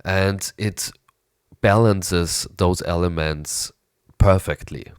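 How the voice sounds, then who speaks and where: A man with a raspy, hoarse voice from a cold, rambling enthusiastically through a casual film review with hesitant restarts. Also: low-pitched, takes it slowly, dry recording, clean studio sound. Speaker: movie review vlogger.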